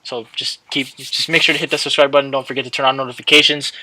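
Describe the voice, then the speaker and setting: A young man who runs a gaming channel wraps up a video with a casual, rambling outro, hesitant, repetitive, and prone to trailing off. He talks fast in a flat, medium-pitched voice over background noise.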